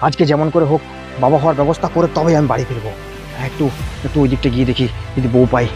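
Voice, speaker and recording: A man's voice: medium pitch, rapid-fire, over music. A young man performing a comic sketch, pleading and whining in some parts and grumbling in others. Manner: pleading and whiny, then grumbling. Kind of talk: sketch comedy, playing several parts.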